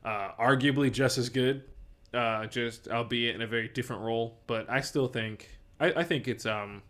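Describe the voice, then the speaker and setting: A man's voice: medium pitch, moderate pace, fairly bright tone. A man co-hosting a casual movie podcast, rambling and swearing freely as he weighs up films. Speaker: podcast co-host. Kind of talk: casual movie bracket chat.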